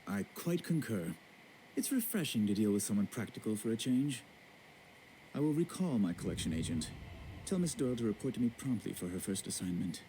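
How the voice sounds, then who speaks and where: A man's voice: lowish voice, sing-song, fairly quick, background noise. An actor playing a prim, smug male corporate representative in a video game, unctuous and formal. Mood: businesslike.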